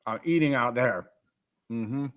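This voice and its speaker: A man's voice: mid-range voice, measured pace, a bit bright. A streamer who talks in a laid-back, joking way while he eats. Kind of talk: casual live-stream chat.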